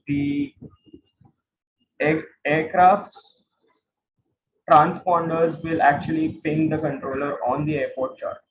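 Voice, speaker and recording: Speaking slowly with long pauses, an Indian-accented instructor lectures students informally, repeating phrases to stress points. His voice is fairly high and creaky. The online-class audio sounds roomy and phone-like, with slight background noise.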